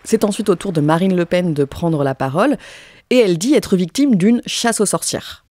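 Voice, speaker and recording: A podcast host reading scripted news narration and putting clear, poised questions to a reporter. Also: medium pitch, animated, moderate pace, a little mellow.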